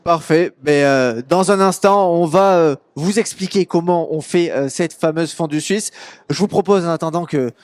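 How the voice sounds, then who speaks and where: Smooth high-voiced male studio host. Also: moderate pace, darkish tone, dry recording. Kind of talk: live TV hosting.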